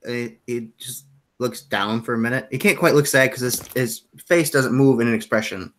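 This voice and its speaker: A man's voice: medium pitch, moderate pace, a bit bright. A man running a tabletop game as game master over a video call, describing scenes loosely with lots of fillers.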